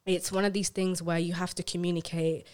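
A woman's voice: on the low side, little pitch movement, fairly quick, a little mellow, clean tone. A woman chatting casually, rambling with many fillers and restarts. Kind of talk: casual group chat.

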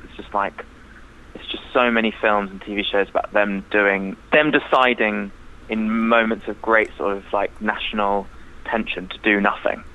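A man's voice: lowish voice, steady tone, moderate pace, bright, forceful tone. A young man, a podcast guest, chatting animatedly with frequent laughs and lots of "like". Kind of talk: casual chat. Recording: slightly dull lo-fi sound with faint noise.

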